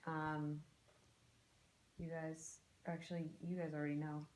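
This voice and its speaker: A woman's voice: low voice, little pitch movement, unhurried, darkish tone, poor audio. A woman chatting casually as a player in a tabletop fantasy game. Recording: faint background noise.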